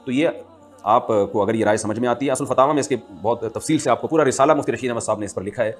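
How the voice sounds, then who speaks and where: A man answers listeners' religious questions as a scholar, in an explaining, lecturing manner. He slows down and clearly recites Arabic verse when he quotes it. His voice sits at an ordinary male pitch, with faint music in the background. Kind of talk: religious Q&A talk.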